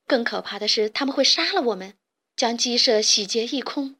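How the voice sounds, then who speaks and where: A woman's voice: a little high, normal speed, bright, forceful tone. A woman voicing a brave, level-headed mother hen who gives firm, reassuring orders, in a children's storybook reading. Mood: grave.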